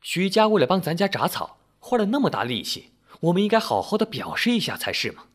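A man storyteller voicing a flustered, quick-tempered young village wife who exclaims and turns shrill when upset. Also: big pitch swings, a bit bright. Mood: indignant.

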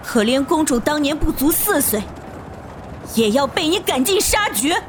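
Vengeful middle-aged nurse, high-pitched and manic, voiced by a male narrator; slow and mocking, with big swings in pitch. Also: very animated, slight background noise. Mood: accusing shrill. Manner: shrill, mocking, manic laughter. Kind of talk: audiobook character voice.

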